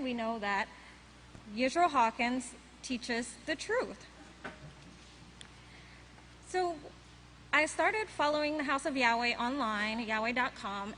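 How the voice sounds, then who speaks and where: A woman's voice: sits high, bright, forceful tone, a little hiss or hum. A woman giving an earnest testimony speech at a church service, quoting scripture. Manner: earnest, reads scripture aloud. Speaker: congregation speaker. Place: church hall.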